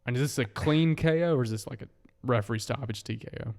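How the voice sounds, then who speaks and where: A man's voice: medium pitch, quick pace, darkish tone, long reverb tail. A man of twenty co-hosting a casual podcast, leading the rundown in an easygoing way with frequent ums. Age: 20s. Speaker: podcast co-host. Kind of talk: casual chat.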